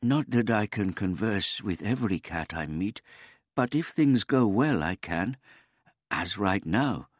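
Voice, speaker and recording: A man voicing a simple, gentle old man who speaks of himself in the third person in a meek, courteous way. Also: on the low side, expressive, a little slow, no echo, lo-fi sound, pitched above the performer's own voice. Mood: earnest.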